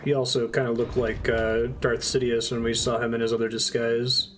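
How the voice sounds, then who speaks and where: A man's voice: medium pitch, little pitch movement, normal speed, a bit bright, a little hiss or hum. A man giving casual, wry commentary as he plays through a game. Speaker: gaming host playing blind.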